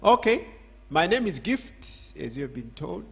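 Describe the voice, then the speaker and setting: A man's voice: on the high side, big pitch swings, moderate pace, gravelly, husky. An older man from Zambia giving an emphatic church address as guest speaker, repeating his phrases with rising force.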